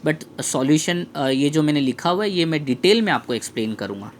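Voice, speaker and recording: A male math tutor with an Indian English accent, teaching a lesson and repeating key phrases slowly to his students. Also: fairly high pitch, animated, slight background noise. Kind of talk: classroom lesson.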